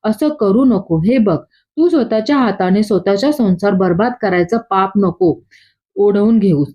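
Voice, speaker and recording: A woman voicing a weary elderly grandfather who pleads slowly with his grandson, in a plain reading voice. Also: mid-range voice, dark tone, lightly acted. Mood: weary pleading. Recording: dull lo-fi.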